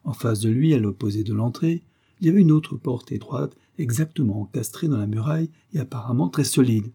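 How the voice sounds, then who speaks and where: A man narrating a classic detective novel in a steady, measured audiobook reading. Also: mid-range voice, husky.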